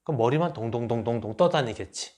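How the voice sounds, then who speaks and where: A middle-aged man giving a lecture, talking lively and acting out the remarks he quotes. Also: mid-range voice, fast talker. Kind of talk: enneagram lecture.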